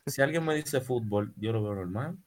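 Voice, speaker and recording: A Dominican-accented man on a casual podcast, jumping in with jokes and repeating himself as he gets going. His voice sits at an ordinary middle pitch, and he talks in a loose, lively back-and-forth. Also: moderate pace, crowd noise. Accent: Dominican Spanish. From Dominican Republic. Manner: animated, joking, repeats words. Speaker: podcast co-host. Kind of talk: casual chat.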